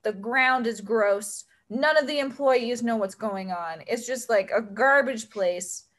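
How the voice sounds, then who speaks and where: A woman's voice: fairly high pitch, measured pace, a bit bright. Sardonic, ranting young woman. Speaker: podcast co-host. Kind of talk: casual chat.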